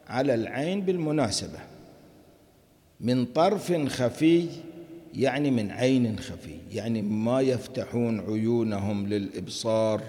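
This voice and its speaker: Man, Quran commentary lesson, warm low voice, long hall reverb. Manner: reads verses slowly, then explains in a mix of formal and colloquial Arabic. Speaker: Quran teacher.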